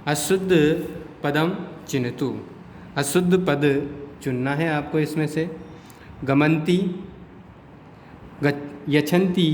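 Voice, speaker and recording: A man's voice: mid-range voice, darkish tone. Echoey male teacher. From India. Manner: explains Sanskrit line by line with Hindi glosses, keeps asking "ठीक है". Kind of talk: online class lesson. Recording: echoey room with faint hiss.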